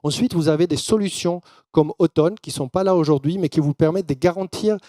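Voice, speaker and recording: A man's voice: a little high, brisk, warm tone, dry recording, studio quality. A man who is not a native French speaker, giving a business presentation in French with a foreign accent, dropping English business terms into loose non-native phrasing. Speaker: conference speaker.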